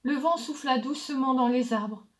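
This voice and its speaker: A woman narrating a children's story in a calm, soft, measured way. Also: sits high.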